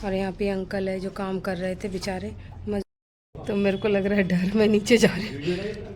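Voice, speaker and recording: A woman vlogging casually at home and on a rooftop, talking quietly into a phone camera so she won't wake anyone. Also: little pitch movement, moderate pace, a crowd in the background. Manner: hushed, low-volume talk so as not to wake a sleeper. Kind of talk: casual vlog chat while walking around home.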